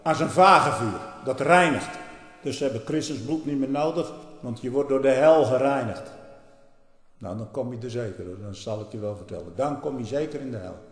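A man preaching a fiery sermon, dropping to low murmurs and then bursting out loudly. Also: moderate pace. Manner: fiery, swings from low murmurs to loud outbursts. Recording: echoey hall, reverberant.

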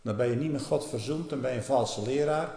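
A man preaching a fiery sermon, dropping to low murmurs and then bursting out loudly. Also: fairly quick. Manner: fiery, swings from low murmurs to loud outbursts. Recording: echoey hall, reverberant.

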